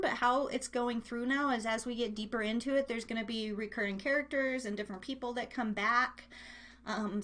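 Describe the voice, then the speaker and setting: Her voice is a little high with a fairly bright tone. Hosting a live online radio show, this radio and podcast host chats casually and playfully, wandering off topic and cutting herself off while addressing listeners.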